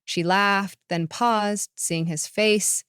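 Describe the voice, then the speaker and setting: A woman narrating a short story in a measured, even way. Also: mid-range voice, clean tone, no echo, clean studio sound.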